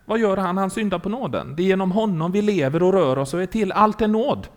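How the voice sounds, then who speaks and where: Animated man preaching with lively swings. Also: sits high. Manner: animated storytelling preacher, asks the congregation questions. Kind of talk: sermon.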